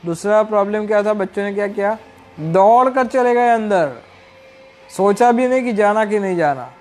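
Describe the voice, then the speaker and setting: A man giving a storytelling sermon as a devotional speaker, retelling lively scenes with acted dialogue and frequent "haan" asides. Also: high-pitched, moderate pace, faint music behind.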